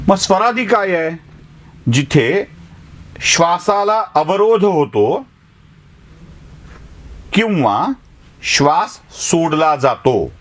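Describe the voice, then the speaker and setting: A man's voice: high-pitched, a little hiss or hum. A man teaching a class, who sounds out letters one by one and keeps asking the students rhetorical questions. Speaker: journalism teacher. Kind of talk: classroom lecture.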